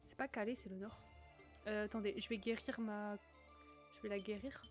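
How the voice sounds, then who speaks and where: A woman's voice: medium pitch, normal speed, soft background music. A woman from northern France chatting casually with her viewers while playing a game on a livestream. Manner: chatty, reads chat aloud, sudden excited outbursts. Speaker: streamer. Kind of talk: casual gaming livestream chat.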